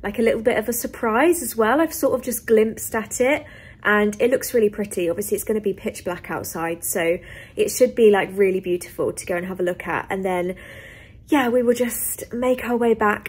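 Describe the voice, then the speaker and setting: A woman's voice: medium pitch, breathy edge. A young woman from the UK chatting casually to camera in a travel vlog, full of ums and likes. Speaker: vlogger.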